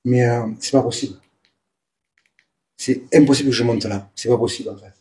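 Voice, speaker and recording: A man with a southern French Provençal accent, vlogging as he explores the ruins of an abandoned building. He talks excitably, repeats words and drops to hushed mutters. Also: mid-range voice, fairly quick. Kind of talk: exploring and narrating to camera.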